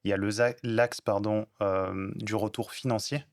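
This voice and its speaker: Low-voiced man explaining with examples. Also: moderate pace, no echo, studio quality. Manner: steady, explains with hypothetical examples. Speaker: panelist at a business talk. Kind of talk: explanatory panel talk.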